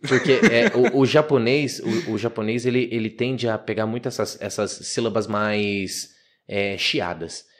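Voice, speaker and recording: Low-voiced man explaining eagerly. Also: moderate pace. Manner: animated, explanatory, slangy. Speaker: podcast host. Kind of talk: casual podcast chat.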